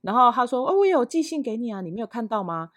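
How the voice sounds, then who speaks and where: A woman with a Taiwanese Mandarin accent co-hosting a podcast. She tells a story about a coworker in a casual, animated and indignant way. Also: on the high side, quick pace, dry recording, clean studio sound. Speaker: podcast co-host. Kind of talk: casual chat.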